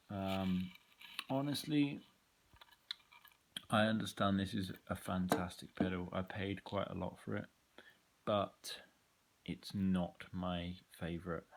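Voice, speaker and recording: Slow, low-voiced man walking through his pedals. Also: creaky, background noise. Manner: loose and rambling, frequent ums, candid opinions. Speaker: musician showing his effects pedals. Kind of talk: casual gear walkthrough.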